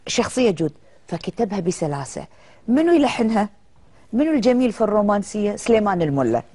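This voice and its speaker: A woman's voice: medium pitch, fast talker, husky. A middle-aged woman, an actress guest telling stories in a casual TV interview. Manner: lively, animated storytelling with quoted dialogue.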